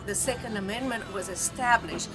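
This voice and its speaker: Middle-aged Romanian-accented woman attorney, halting testimony with fillers, over a clear music bed. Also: medium pitch. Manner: hesitant, many fillers. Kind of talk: personal testimony.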